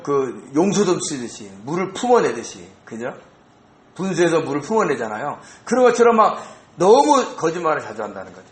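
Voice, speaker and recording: In a church sanctuary, a male pastor with a voice on the high side preaches an expository sermon. He's animated and poses rhetorical questions to the congregation. The recording has a roomy echo.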